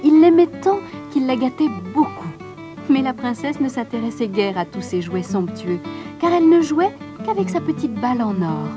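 A woman narrating a fairy tale in a high, lively, sing-song voice. Her reading is expressive and scripted, with a plucked guitar playing softly behind. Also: normal speed. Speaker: storyteller.

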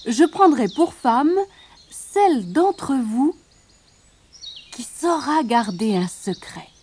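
A woman's voice: on the high side, big pitch swings, darkish tone, a little hiss or hum. A woman reading a polite young prince. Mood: courtly. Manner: polite, measured, formal. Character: young male prince, courteous and calm.

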